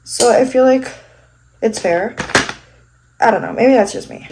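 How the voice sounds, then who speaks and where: A woman's voice: a little high, unhurried, creaky, background noise. Rambling, sniffly young woman doing makeup. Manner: self-deprecating, rambling, swears casually. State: congested, sniffling. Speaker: vlogger. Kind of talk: casual get-ready-with-me chat.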